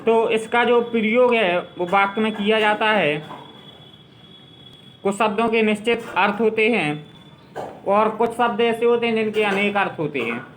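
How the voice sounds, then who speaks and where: A man teaching a school grammar lesson, explaining slowly and repeating his examples. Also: sits high, a bit bright, slight background noise, poor audio.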